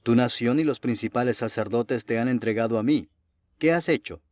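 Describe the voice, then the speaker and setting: A man voicing a stern, questioning male Roman governor in a Bible reading, his pitch rising on his questions. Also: moderate pace, darkish tone, no room sound, clean studio sound, close to an everyday voice.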